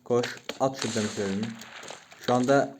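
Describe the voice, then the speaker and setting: A young man narrates his Minecraft game at the computer, keeping a steady patter under his breath. Now and then he breaks into excited yelps. His mid-pitched voice sits over a noisy home recording full of keyboard clicks. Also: fairly quick. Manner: talks himself through it, mutters "sakin" to stay calm. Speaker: gaming YouTuber. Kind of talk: Minecraft let's-play commentary.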